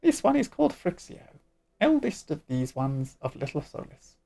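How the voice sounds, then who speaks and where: A man voicing a tiny old male sylph elder in a high, chirpy voice who calls himself 'this one'. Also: very animated, moderate pace, vocal fry, mellow, exaggerated voice.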